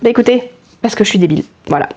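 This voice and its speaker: Woman rambling about her stitching, kinda high voice, laughs at herself, lapel mic. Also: lively intonation, very fast, a little mellow, breathy edge. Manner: chatty, self-mocking, lots of restarts and fillers. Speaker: cross-stitch vlogger. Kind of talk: casual chat.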